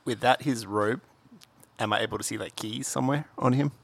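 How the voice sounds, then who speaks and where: Husky-voiced player man. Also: mid-range voice, brisk. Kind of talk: casual tabletop game play.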